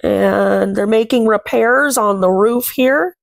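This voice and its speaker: A young woman reads a picture book aloud to small children, expressive and sing-song, with chatty commentary; she's a read-aloud host in a small room at home. Her mid-range voice is slow with vocal fry, on a dry, clean studio recording.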